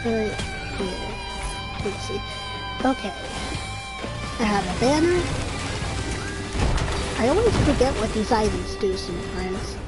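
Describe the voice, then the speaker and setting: Her voice runs on the high side, its pitch swooping wildly, and she speaks slowly with long pauses. She's a twenty-something gaming streamer rambling through casual commentary over game music, often trailing off and restarting, her throat dry and a bit scratchy.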